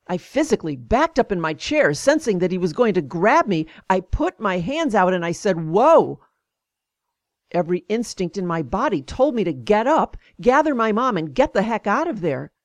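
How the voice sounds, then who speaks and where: A woman's voice: mid-range voice, very animated, normal speed, few pauses, no echo. A woman hosting a show, telling a personal story in an indignant, conversational way.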